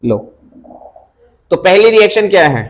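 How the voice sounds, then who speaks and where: A man with a high, light voice runs a live chemistry class. He teases his students and calls them by pet names. He often drops into English phrases mid-sentence. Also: sing-song, unhurried, low-quality recording. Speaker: chemistry teacher.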